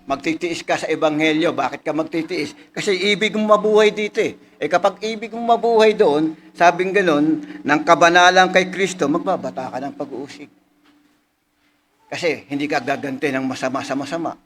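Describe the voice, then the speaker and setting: A man preaching a sermon, casually checking in with listeners and reading scripture slowly with emphasis. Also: fairly high pitch, a bit bright, a little hiss or hum. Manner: conversational teaching, frequent "no?" and "di ba?" checks. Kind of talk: Bible study sermon.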